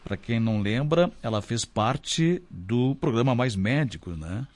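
A man's voice: medium pitch, animated, a little slow. A man from Rio do Sul hosting a morning radio interview, who asks leading questions and keeps adding "né?". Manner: leading questions, tag "né?" often. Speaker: radio host. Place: radio studio.

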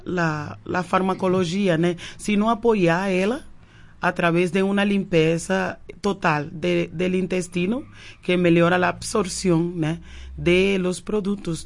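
A Cuban woman whose first language is Spanish, a naturopath guest on a radio show, who speaks Portuguese with Spanish words mixed in and often repeats words while searching for them. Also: on the low side. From Cuba. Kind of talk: radio interview answers. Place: radio studio.

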